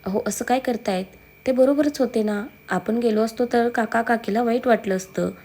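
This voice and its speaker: A woman's voice: fairly high pitch, normal speed, darkish tone, natural voice. A woman voicing a pleading, pouty young wife with a childlike manner.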